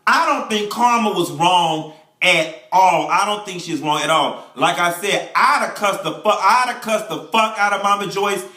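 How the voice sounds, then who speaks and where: A man's voice: high voice, moderate pace, bright, forceful tone, echoey room. A man giving a sassy, brash, profane reality TV recap, calling the viewer honey and child. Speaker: reality TV reviewer.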